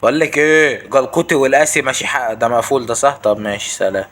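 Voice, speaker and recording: Egyptian-accented man, jokey gaming commentary, chatty toward viewers, mid-pitched voice. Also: racing, fairly bright tone. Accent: Egyptian Arabic. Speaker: gaming YouTuber. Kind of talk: casual let's-play commentary.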